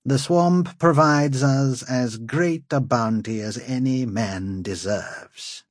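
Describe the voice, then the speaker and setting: Man voicing a lofty mocking swamp lord, raised pitch, pompous, husky, audiobook. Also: slow pace, no echo, studio quality. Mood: haughty. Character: haughty nude noble lord hunting in swamps.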